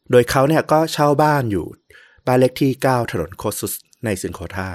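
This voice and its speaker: A man co-hosting a podcast, telling a historical story in a relaxed, chatty way with many fillers. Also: mid-range voice, no room sound.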